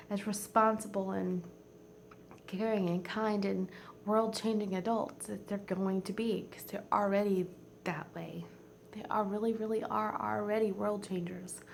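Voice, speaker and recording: A woman in her forties, a home vlogger chatting casually, rambling and heartfelt and teary, often dropping to a soft near-whisper. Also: medium pitch, gravelly, a little hiss or hum. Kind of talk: casual chat.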